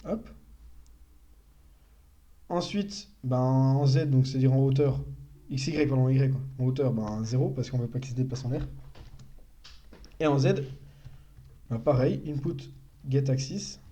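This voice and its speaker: A young man walks viewers through programming in a relaxed live-stream tutorial. His voice is warm and mellow, at a middle pitch. He thinks aloud and often backtracks to fix what he just said. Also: a little slow, long pauses. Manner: thinks aloud, self-correcting, chatty explanations.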